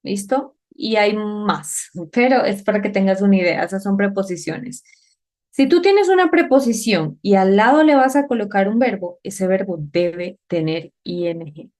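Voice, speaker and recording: A woman teaching an English grammar lesson at a whiteboard, explaining step by step, checking understanding with questions, and saying the English examples slowly and carefully. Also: medium pitch, expressive, a little mellow.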